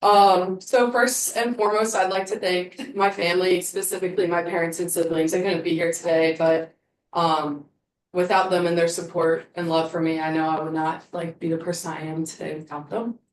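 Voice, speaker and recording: A woman's voice: lowish voice, flat delivery, normal speed. Emotional young woman giving farewell speech. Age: 20s. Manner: heartfelt, fighting back tears. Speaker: team captain giving a senior speech. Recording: roomy, from a distance.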